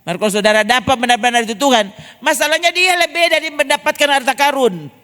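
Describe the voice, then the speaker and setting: A man with a high voice and a Manado Malay accent preaches a sermon. He is an animated storyteller who keeps calling out to the congregation. His voice rings with a long echo from the church hall. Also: fast talker. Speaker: pastor.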